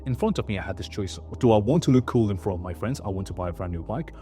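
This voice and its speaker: A man's voice: fairly low pitch, fast talker. Earnest young man telling a story. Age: 20s. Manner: earnest, animated storytelling with acted-out quotes. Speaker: YouTuber. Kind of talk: storytelling vlog monologue. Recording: faint background music.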